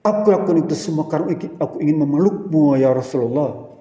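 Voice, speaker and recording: A preacher doing a tearful, pleading companion. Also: male voice, a little high, fast, dark tone, lo-fi sound, pitched below the performer's own voice, natural voice. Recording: echoey hall with long reverb.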